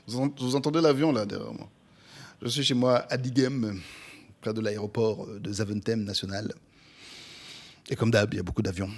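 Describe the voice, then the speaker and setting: A man's voice: lowish voice, moderate pace, long pauses. Upbeat man in his forties, pastor. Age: 40s. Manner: energetic, upbeat, animated. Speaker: pastor and podcast host. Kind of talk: podcast sermon. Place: at home near an airport, planes passing.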